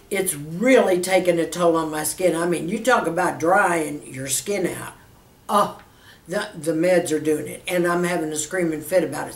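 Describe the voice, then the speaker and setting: This skincare vlogger, a woman in her fifties with a Texas accent, does a casual camera Q&A, calling viewers girlfriend as she chats. The lowish voice is captured from afar and off-mic, with room echo and a faint hum.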